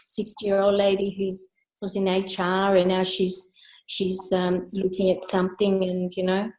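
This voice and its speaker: A woman's voice: mid-range voice, a little hiss or hum. Older woman, chatty guest on a call, echoey room. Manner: warm, rambling, repeats words. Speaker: guest speaker. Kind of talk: casual video call chat.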